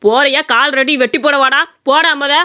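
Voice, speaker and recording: A woman's voice: high voice, steady tone, normal speed, lightly acted. A woman voicing a grumpy, scolding old village man in a cartoon. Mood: angry. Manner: scolding, threatening. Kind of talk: cartoon voice acting. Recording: dull audio with clear noise.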